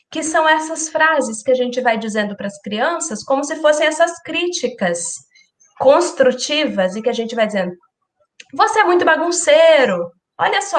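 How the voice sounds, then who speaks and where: Lady giving a spiritual talk, high voice, calm and explaining, keeps asking the crowd questions. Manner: calm and explanatory, poses rhetorical questions to the audience. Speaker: lecturer at a spiritist center. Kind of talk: public religious lecture.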